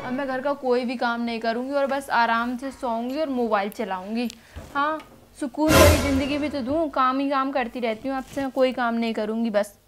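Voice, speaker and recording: A woman's voice: steady tone, moderate pace, long pauses, loud music behind the voice, natural voice. A young woman acting a lazy, careless mother who scolds her children in a home-made family skit. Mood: lazy, smug. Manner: scolding, shrill when shouting.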